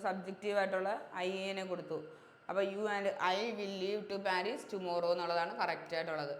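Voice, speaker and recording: A woman teaching grammar, repeating each point and pausing to check that students follow. She speaks in a level, even tone. The room is echoey with a long reverb tail, and a faint hiss sits underneath. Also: medium pitch. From Kerala, India. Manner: repetitive drilling, checks understanding with quick questions. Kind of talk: exam-prep grammar lesson.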